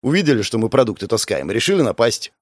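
A man's voice: mid-range voice, very animated, quick pace, dry recording, clean studio sound. A man voicing a battered, reproachful male crewman who grumbles his lines.

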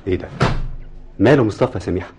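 A man's voice: low-pitched, very fast, loud music behind the voice, close to an everyday voice. An actor with an Egyptian accent playing a prying, questioning older father in a radio drama. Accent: Egyptian Arabic. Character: nosy older father figure.

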